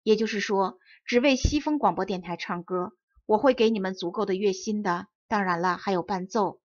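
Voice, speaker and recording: A woman's voice: medium pitch, normal speed, a little mellow, no room sound, natural voice. Woman reading as a solemn shadowy radio director. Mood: earnest. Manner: solemn, formal. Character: mysterious shadow, director of the west wind radio station. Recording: dull dry audiobook recording.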